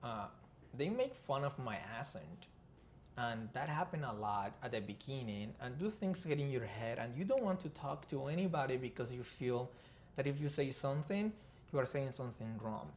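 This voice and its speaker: A man's voice: medium pitch, lively intonation, normal speed, a little hiss or hum. A man from Colombia with a Colombian Spanish accent, a Spanish native speaker talking earnestly as a podcast co-host in casual chat.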